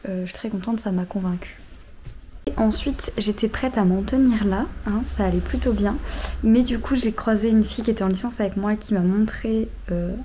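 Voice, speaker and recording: Outdoors near road traffic, a young woman in her twenties vlogs casually about books in a mid-range voice. She uses lots of fillers and drops soft, half-whispered asides.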